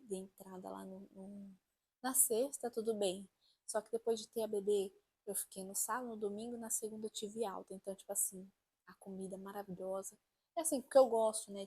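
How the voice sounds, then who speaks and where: A woman's voice: medium pitch, darkish tone, husky, low-quality recording. A woman with a Brazilian accent telling viewers a personal story in a chatty, emphatic vlog style, full of fillers. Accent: Brazilian Portuguese. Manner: chatty, emphatic, lots of fillers like "tipo assim" and "gente". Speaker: vlogger.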